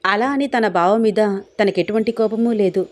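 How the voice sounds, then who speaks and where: A woman reading a romance story aloud as a storyteller, in a steady, expressive way. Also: medium pitch, moderate pace. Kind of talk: scripted story narration.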